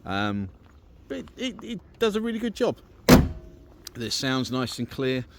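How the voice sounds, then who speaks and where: Very animated yet unhurried, a British man with a medium-pitched voice gives an easygoing, informal tour of an installation in his vehicle. He's filming on a handheld camera or phone, and the audio is very noisy.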